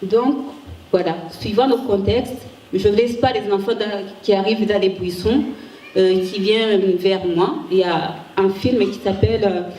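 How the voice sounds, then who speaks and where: Woman, conference speaker, mellow voice, halting delivery, distant mic, echoey room, faint hiss. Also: mid-range voice, steady tone. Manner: halting, frequent restarts while searching for words. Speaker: conference speaker, ethics researcher. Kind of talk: academic conference talk with slides.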